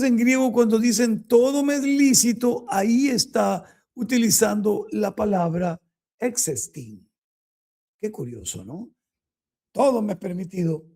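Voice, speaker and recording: A man with a high-sitting, mellow voice gives a sermon-style Bible teaching. He preaches emphatically, peppering his listeners with rhetorical questions.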